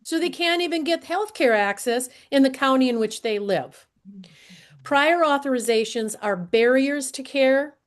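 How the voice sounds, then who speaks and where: A woman in her sixties giving an earnest presentation talk, hoarse and losing her voice, and often clearing her throat. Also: high-pitched, expressive, a little slow. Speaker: guest speaker, healthcare advocate.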